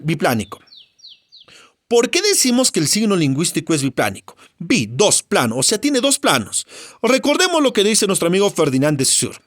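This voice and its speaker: A man's voice: high-pitched, fairly bright tone, no echo, clean studio sound. A Peruvian man teaching a lesson, asking rhetorical questions and answering them himself in an emphatic way. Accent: Latin American Spanish. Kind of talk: recorded lecture lesson.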